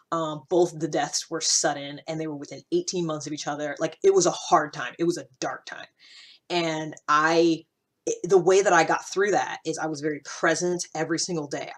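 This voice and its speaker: With a low, fairly bright voice, the host of a personal-growth series muses out loud to her audience. She's casual and reflective, feeling her way through ideas informally while stressing some points emphatically.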